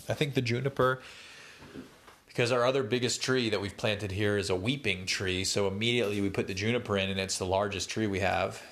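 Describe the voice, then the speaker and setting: A man with a fairly low voice talks like he's stuffed up from allergies, nasal and a bit tired. He rambles through his day in a relaxed, slangy way, the casual tone of a vlog recap. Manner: laid-back, rambling, slangy. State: stuffed up, congested nose. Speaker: vlogger.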